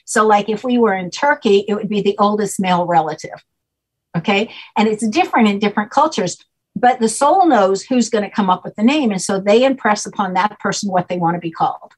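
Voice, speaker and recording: A woman's voice: mid-range voice, a little fast, slightly rough, low-quality recording. An older woman, a guest, explaining her subject at length in a patient, teacherly way, often checking in with "okay?", speaking over a video call from home. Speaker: guest name expert. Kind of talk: explanatory interview talk.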